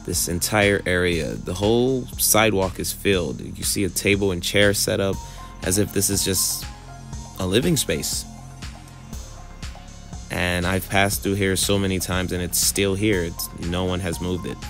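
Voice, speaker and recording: A man in his thirties who moved to California in 2005 narrates a casual, musing vlog, walking city streets and riding in a car with his phone as background music plays. His voice sits low and sounds creaky and a bit bright, with fairly even intonation and an unhurried pace. He often repeats phrases and asks rhetorical questions.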